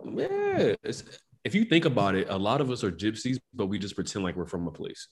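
An American man co-hosting a podcast, talking in a loose, slangy, animated way. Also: on the low side, a little fast, a little hiss or hum. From United States. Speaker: podcast co-host. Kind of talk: casual chat.

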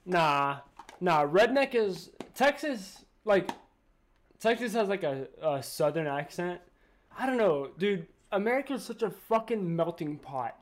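A man with a high voice co-hosts a casual podcast, talking in loose, rambling banter. He swears now and then and keeps things easygoing. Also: big pitch swings, a little slow. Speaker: podcast co-host.

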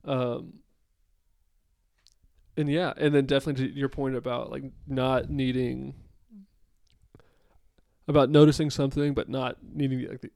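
A man's voice: medium pitch, little pitch movement, measured pace, creaky, pauses often, darkish tone, no room sound. A man in his late twenties in a casual, thoughtful chat with his partner, rambling with many fillers and restarts. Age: late 20s.

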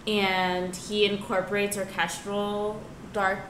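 A woman's voice: medium pitch, little pitch movement, slow. A young woman chatting casually and enthusiastically as a podcast co-host. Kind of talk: casual chat. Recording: roomy echo, clear background noise.

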